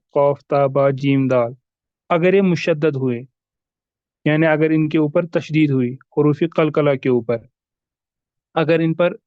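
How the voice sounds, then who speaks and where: A man's voice: on the high side, dry recording, muffled recording. A man teaching tajweed in a recorded lesson, patiently repeating examples and asking and answering his own questions. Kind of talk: recorded lesson explaining rules.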